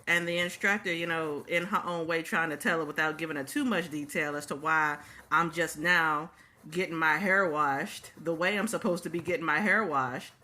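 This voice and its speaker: A woman's voice: low-pitched, moderate pace, pushed and bright. A woman vlogger telling a personal story straight to her viewers, casual and emphatic, repeating key phrases for effect. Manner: talks straight to the audience.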